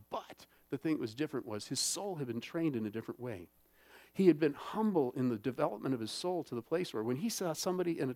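On the high side and a little mellow, this pastor's voice comes through with no echo. He talks through his sermon in a conversational manner, frequently using fillers and checking in with the congregation.

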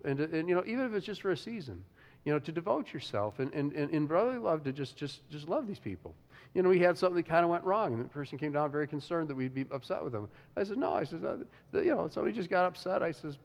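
Conversational pastor in a reverberant hall. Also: male voice, on the high side. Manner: conversational, many restarts and "you know", chuckles. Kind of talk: sermon.

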